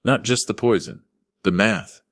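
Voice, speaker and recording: A man voicing a calm, sad woman who works as a forensic accountant in an audio story. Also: fairly low pitch, a little slow, no echo, clean studio sound, voice pushed up. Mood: soft. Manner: soft-spoken.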